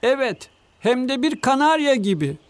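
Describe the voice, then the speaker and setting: A man's voice: very high voice, big pitch swings, moderate pace, no echo, pitched above the performer's own voice. A man voicing an old, downtrodden cat in a storybook, whiny and tearful.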